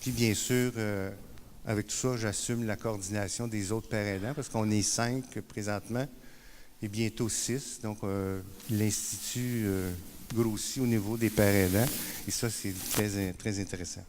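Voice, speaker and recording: A man with a Quebec French accent giving a conference talk, self-deprecating and halting with many fillers. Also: lowish voice, fairly even intonation, background noise. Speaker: conference speaker. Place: conference room.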